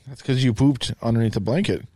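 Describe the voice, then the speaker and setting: A man's voice: mid-range voice, fast, noisy background. A man in a casual, crude, rambling chat with a friend. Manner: rambling, crude, joking, repeats catchphrases.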